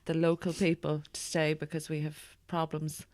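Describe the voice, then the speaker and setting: A woman's voice: low-pitched, completely flat delivery, normal speed, a little mellow, no room sound. An Irish woman chatting casually as a guest, in a hesitant, meandering way. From Ireland. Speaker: guest, stand-up comedian. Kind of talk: casual chat.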